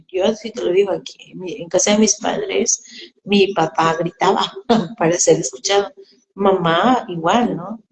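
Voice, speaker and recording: A woman telling personal stories in a casual live conversation, acting out quoted dialogue. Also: mid-range voice. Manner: animated storytelling, acts out quoted dialogue. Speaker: host. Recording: echoey room.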